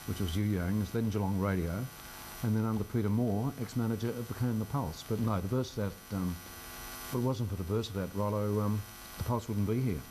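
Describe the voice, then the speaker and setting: In a radio studio, this older Australian local radio presenter takes part in a relaxed interview chat, speaking with wry self-deprecation. His voice is fairly low with fairly even intonation and a slightly quick pace, and the background is noisy.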